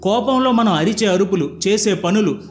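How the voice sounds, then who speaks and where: A man narrating stories and explaining their lessons in a calm, scripted telling. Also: high voice, normal speed, soft background music.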